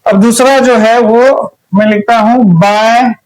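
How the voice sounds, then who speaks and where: Bihari male teacher, very high voice, patient step-by-step explainer, keeps checking in with his students. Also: fairly even intonation, slow pace, rough recording. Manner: explains step by step, often checks "any problem?". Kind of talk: recorded grammar lesson.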